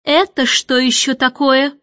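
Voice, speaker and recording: A woman voicing a stern, sniffy nanny who gives sharp commands, in an audiobook. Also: sits high, level tone, a little slow, no room sound, dull audio, pitched above the performer's own voice.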